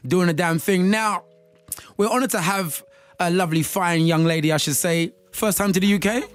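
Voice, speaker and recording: A male radio host running a studio interview, lively and upbeat, repeating his phrases and laughing often. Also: sits high, normal speed, clear, resonant tone.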